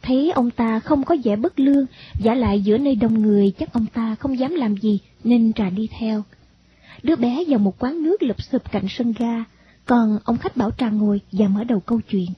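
A woman narrating a story in an even, expressive reading. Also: fairly high pitch, moderate pace, slight background noise. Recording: dull lo-fi recording.

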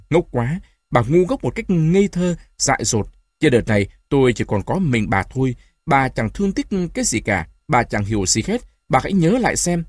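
A man voicing a stern, quick-tempered old grandfather with a hoarse voice, in an audiobook reading. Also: medium pitch, no room sound, studio quality. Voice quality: hoarse, shouting. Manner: harsh, scolding, then choked and tearful.

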